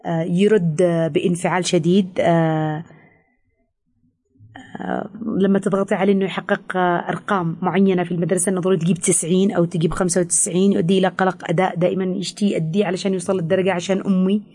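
A woman with a Yemeni Arabic accent, a counselor explaining things in an interview, fast with frequent hesitations. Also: lowish voice, flat delivery, warm tone. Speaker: teen counselor. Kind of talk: expert interview answers.

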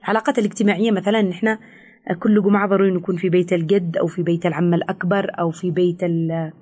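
Fast-talking Yemeni woman counselor. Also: on the low side, level tone, mellow, slightly rough. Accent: Yemeni Arabic. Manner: rapid explanatory, with hesitations. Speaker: teen counselor. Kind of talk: expert interview answers.

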